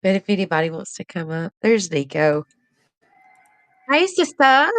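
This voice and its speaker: A woman's voice: low voice, fairly quick, a little mellow, no echo. A woman hosting a casual live stream, chatting in a rambling way and laughing often. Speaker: livestream host.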